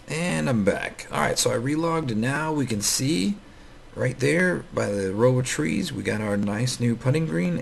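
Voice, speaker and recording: A Minecraft let's player with a medium-pitched, scratchy morning voice and vocal fry gives casual gameplay commentary. It rambles, full of fillers and restarts.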